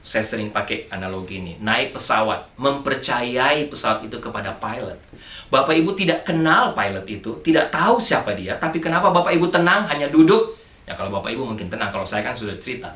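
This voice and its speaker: A man's voice: mid-range voice, lively intonation, brisk, pushed and bright. A middle-aged man preaching a sermon as pastor, emphatic and speaking directly to the congregation. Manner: emphatic, addresses congregation often. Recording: echoey church hall.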